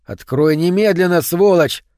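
A male narrator plays a scared young man who pleads loudly and urgently, his voice pushed higher. The recording is dry and close. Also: animated, moderate pace, dry recording, close to an everyday voice. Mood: angry.

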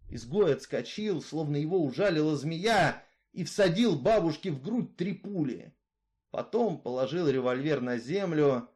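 A man reading a story aloud with expressive, dramatic narration. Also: a little high. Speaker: story reader.

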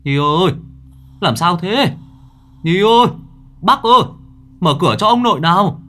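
A man voicing a frantic, grief-stricken old grandfather who shouts in a raised, strained voice. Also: high voice, expressive, measured pace, pitched above the performer's own voice, heavily acted. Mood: anxious calling.

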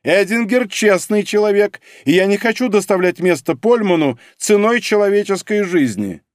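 A man voicing a shrill, jealous older German professor in an audiobook, squealing and high-strung. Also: animated, moderate pace, no echo, clean studio sound. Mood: agitated. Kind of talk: audiobook character reading.

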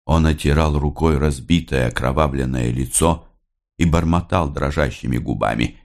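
A man narrating an audiobook with measured, dramatic storytelling. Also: very deep voice, vocal fry, darkish tone.

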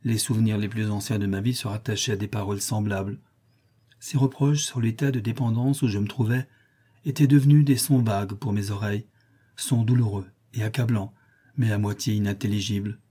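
A man narrating a classic novel as an audiobook in a measured, descriptive reading. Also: lowish voice, fairly even intonation, warm tone, slightly rough.

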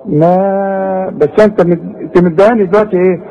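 A man's voice: high-pitched, steady tone, highs cut off. A man with an Egyptian Arabic accent teaching tajweed. He talks straight to the student in a colloquial way and models the words syllable by syllable. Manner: models recitation slowly, syllable by syllable, in drawn-out demonstrations; direct, colloquial coaching aimed at the student. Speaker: Quran recitation teacher. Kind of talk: Quran tajweed lesson.

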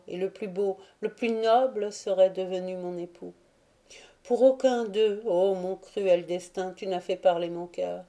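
A grieving young noblewoman lamenting her fate in a soft, mellow, mournful voice, read by a woman. An audiobook performance with a hushed, sorrowful tone. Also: mid-range voice, natural voice.

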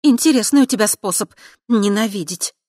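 A fiery young witch with a hot temper, her voice pitched high and sharp, as an audiobook reader puts her on. The delivery is emotional and pointed, recorded dry and close. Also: moderate pace, dry recording, close to an everyday voice. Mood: angry. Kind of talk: audiobook character voice.

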